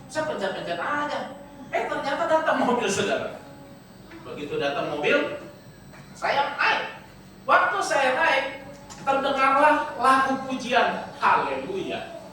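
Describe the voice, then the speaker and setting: A male pastor preaches in a chatty, storytelling manner, shifting quickly between narration and scripture. His voice carries from a distance across a huge, ringing church hall. Steady noise sits under the sound. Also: extremely high pitch. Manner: lively, conversational, animated storytelling. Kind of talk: sermon with storytelling. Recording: echoey church hall from far off.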